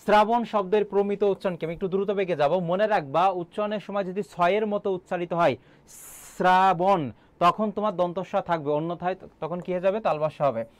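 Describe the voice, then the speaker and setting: A man's voice: high-pitched, quick pace, hardly any pauses, no echo. A young man teaching an online exam-prep class, quizzing students and repeating key answers, with frequent filler sounds.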